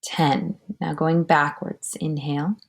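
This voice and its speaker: A woman leading a guided breathing meditation with calm, measured instruction, her words often trailing off into a breathy near-whisper. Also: sits low.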